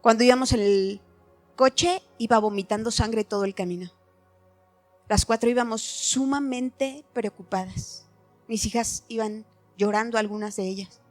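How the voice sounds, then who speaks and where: A woman's voice: a little high, a little slow, faint music behind. A middle-aged woman giving an earnest, heartfelt personal testimony at a church meeting.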